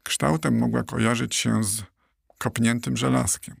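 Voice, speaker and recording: Gravelly man narrating a children's book. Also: medium pitch, unhurried, dry recording, clean studio sound. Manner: steady, clear storytelling. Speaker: audiobook narrator. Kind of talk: scripted storybook narration.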